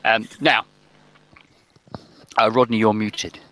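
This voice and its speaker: A man running a tabletop role-playing game as game master, talking haltingly with many ums and restarts. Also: on the low side, little pitch movement, sharp tone, rough recording.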